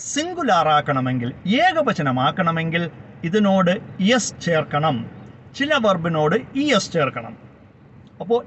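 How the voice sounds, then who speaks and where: A man with a high, animated voice teaches grammar at an unhurried pace, spelling words out letter by letter and translating each one. The recording is a little dull and lo-fi, with a faint hiss of noise behind him. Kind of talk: slow explanatory grammar lesson.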